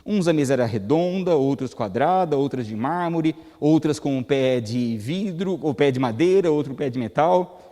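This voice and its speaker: A Brazilian man with a Brazilian Portuguese accent lectures at a spiritist center in a reverberant hall. His fairly high, mellow voice is expressive and moves at normal speed as he talks conversationally and poses rhetorical questions to the audience.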